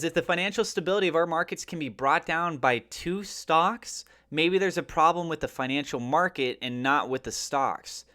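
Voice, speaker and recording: This finance and crypto host has a fairly high-pitched, somewhat bright male voice. Chatting casually with his audience about the markets, he's emphatic and colloquial and leans on sharp rhetorical questions.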